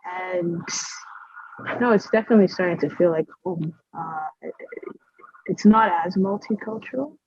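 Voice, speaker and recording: A young woman chatting as a guest over a video call, relaxed, with plenty of fillers and sentences that fade off quietly. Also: fairly low pitch, moderate pace, husky, dry recording, dull audio. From Canada. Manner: relaxed, trails off softly, many fillers. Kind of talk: casual interview chat.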